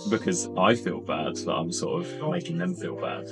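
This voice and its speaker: A young man in his twenties, a climbing instructor guest, talking in an animated, joking way at a climbing centre. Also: sits low, moderate pace. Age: 20s. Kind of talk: casual interview. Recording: guitar music behind.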